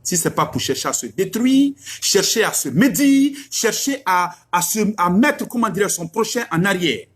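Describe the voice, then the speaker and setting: A middle-aged preacher speaks. His husky voice sits high and leaps with lively swings of pitch. He drives his point home through repeated rhetorical questions. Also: normal speed, hardly any pauses. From West Africa. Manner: emphatic, rhetorical questions, repeats lines for effect. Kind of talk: religious exhortation.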